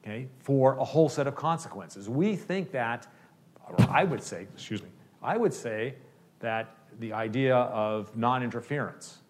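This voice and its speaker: A man's voice: mid-range voice, moderate pace. A man who says he is an economist, explaining his view and answering audience questions, often checking in with "okay?". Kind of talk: lecture Q&A.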